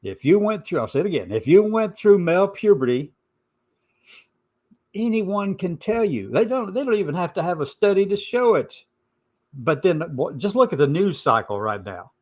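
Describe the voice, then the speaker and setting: A man hosts an informal commentary show, stressing and repeating his opinions with sarcastic asides. His voice sits high with a sing-song lilt and a darkish tone, at a moderate pace.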